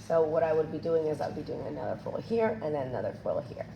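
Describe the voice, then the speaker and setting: Talking fast and with lively intonation, this woman has a deep, gravelly voice whose highs are cut off, still healing after she lost it. She's a colorist teaching a coloring technique in a chatty hands-on tutorial, addressing viewers as "you guys," recorded on a distant mic in a noisy, echoey room.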